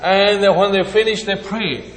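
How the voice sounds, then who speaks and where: An older Greek man delivers a sermon in a fairly high, fairly even voice, speaking slowly and deliberately with frequent pauses and hesitations. A long, hall-like reverb surrounds the sound.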